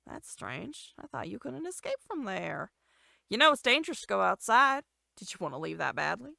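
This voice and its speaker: Woman voicing a menacing young man, game voice acting, low quiet voice, gravelly, dry close mic. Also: big pitch swings, moderate pace, no echo, exaggerated voice. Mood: cold, commanding. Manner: cold, possessive and threatening.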